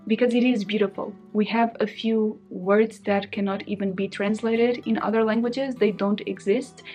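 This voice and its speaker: Speaking in a mid-range voice with a darkish tone, a young Portuguese-speaking woman vlogs about books, chatting to camera, musing indecisively and often laughing. Soft guitar music plays faintly behind.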